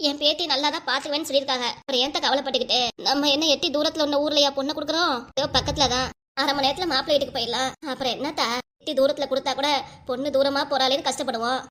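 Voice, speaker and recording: A woman's voice: sits high, fairly even intonation, racing, fairly bright tone. A woman with southern Tamil village speech who voices a whole cartoon family, chatty, coaxing and scolding. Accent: southern Tamil Nadu village speech. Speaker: cartoon voice artist. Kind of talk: voicing many family members in a cartoon.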